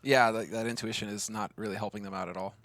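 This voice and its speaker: A man giving energetic color commentary on an esports match, excitable and joking. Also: fairly low pitch. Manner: excitable, joking, fast-talking.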